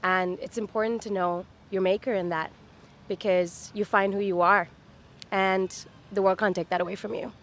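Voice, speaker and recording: This Dubai woman, in her thirties, chats cheerfully as an interviewee on a city street, leaning on plenty of fillers. Her mid-range voice has fairly even intonation and a fairly bright tone at normal speed.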